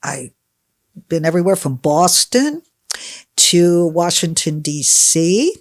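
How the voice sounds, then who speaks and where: Speaking slowly and with great animation, this Connecticut personal trainer in her sixties chats emphatically while answering a podcast interviewer's questions. Her pitch sits fairly low, captured in clean studio sound without echo.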